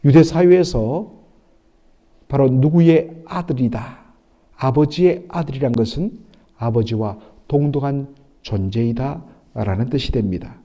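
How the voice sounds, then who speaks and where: A man preaching a sermon as pastor, in an earnest style with frequent pauses and lines quoted with feeling. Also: mid-range voice, dark tone, lo-fi sound. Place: church.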